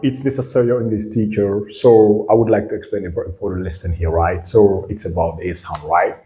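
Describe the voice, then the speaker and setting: Male language teacher, deep mellow voice, bilingual lesson delivery, reverberant room. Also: steady tone, moderate pace. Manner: switches between English and French, checks in with "right?" and "ok?". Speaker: English teacher. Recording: echoey room.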